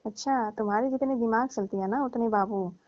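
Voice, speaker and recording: This middle-aged woman's voice sits on the high side with a darkish tone, and she talks fairly quickly. She's taking part in a comic phone call, chatting casually in a coy, teasing, playfully scolding manner, heard through dry, dull lo-fi phone audio.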